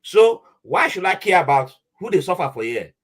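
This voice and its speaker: High-sitting and breathy-edged, this male voice moves at a normal speed. He casually narrates a story as a podcast guest in a Nigerian accent, full of energy, sliding into Pidgin and dramatizing the voices he quotes.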